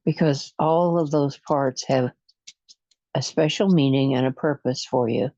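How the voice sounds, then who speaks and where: Here a guide uses a warm, mid-range voice to lead guided imagery relaxation, hypnotic and soothing, with slow counting and long pauses. The recording is dull and lo-fi, without any echo.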